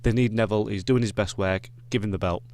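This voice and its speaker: Yorkshire guy chatting wrestling picks, kinda low voice, lots of ums and restarts. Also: steady tone, quick pace, darkish tone. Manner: rambling, many ums and self-corrections. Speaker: wrestling reviewer. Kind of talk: casual predictions chat.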